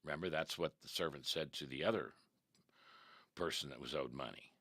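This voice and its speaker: A man teaching as a pastor, reading scripture aloud and breaking in with lively, animated asides. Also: extremely low pitch, fairly quick, dry recording, studio quality. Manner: reads scripture then comments, animated asides. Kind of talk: devotional teaching.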